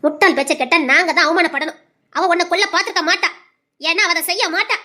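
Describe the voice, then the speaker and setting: A woman's voice: very high voice, fast, sharp tone, pitched below the performer's own voice. Woman putting on a stern Tirunelveli grandmother. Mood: scolding. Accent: Tirunelveli Tamil. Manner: curt, commanding, scolding. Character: stern scolding Tamil grandmother, older woman. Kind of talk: dramatized storytelling.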